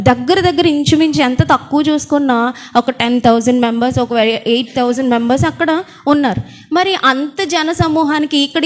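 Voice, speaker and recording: A woman preaching a sermon in a church hall, asking her congregation question after question in a quiet, small voice. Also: high-pitched.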